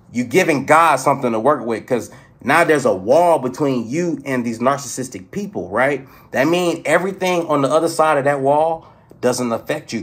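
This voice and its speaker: A man giving a casual, profane motivational rant to his viewers, preachy and excitable, swinging between loud outbursts and low murmurs. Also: breathy edge. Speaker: spiritual motivational vlogger.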